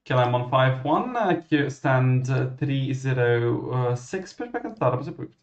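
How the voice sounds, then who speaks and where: Halting man controller, muffled roomy sound. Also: mid-range voice, sing-song. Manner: halting, self-correcting. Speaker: virtual air traffic ground controller. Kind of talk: radio clearances and explanatory commentary.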